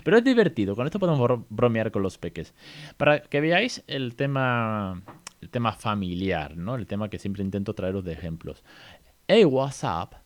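Podcast host, male, accent from Spain, lowish pitch, chatty and animated teaching style. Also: moderate pace. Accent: Spain Spanish. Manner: chatty, animated, many tag questions. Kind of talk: casual podcast lesson.

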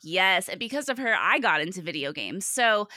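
Female podcast guest, animated and exclamatory, gravelly head-cold voice, bright, close dry sound. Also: mid-range voice, moderate pace, no room sound. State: congested with a cold. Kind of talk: casual chat, storytelling.

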